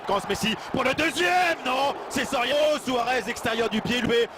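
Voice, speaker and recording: A man giving excited play-by-play football commentary in short clipped phrases, raising his voice to a shout. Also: very high-pitched, moderate pace. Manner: shouts on goals and chances, short clipped phrases naming players. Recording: clear background noise.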